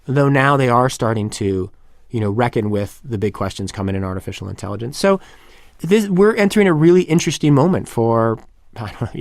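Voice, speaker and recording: A man's voice: medium pitch, vocal fry, dry recording, clean studio sound. A man who edits a magazine, a guest on a podcast, talking in a thoughtful, rambling way with many restarts. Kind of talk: casual podcast interview.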